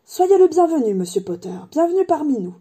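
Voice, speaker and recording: A woman voicing an old bald barman who gushes in awed exclamations, with a husky, dark voice. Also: sits high, big pitch swings, measured pace, pitched above the performer's own voice, exaggerated voice. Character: old bald male barman, awestruck and emotional.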